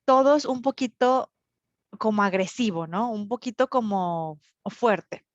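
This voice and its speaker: A woman's voice: medium pitch, slow, no echo. A woman teacher from northern Mexico with a Monterrey accent, lecturing an online class and explaining with many fillers and tag questions. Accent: Monterrey Mexican Spanish. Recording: dull, lo-fi recording.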